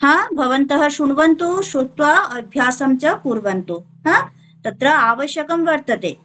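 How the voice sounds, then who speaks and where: A woman teaching a Sanskrit class, slowly prompting learners and often checking whether they follow. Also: high-pitched, lively intonation, fairly bright tone, slight background noise. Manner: chants verses slowly. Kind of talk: online class instruction.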